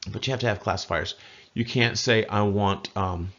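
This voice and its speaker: A man giving a casual spoken language lesson, chatty and folksy, slowly repeating words to model pronunciation. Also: on the low side, fairly bright tone, muffled recording. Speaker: language teacher.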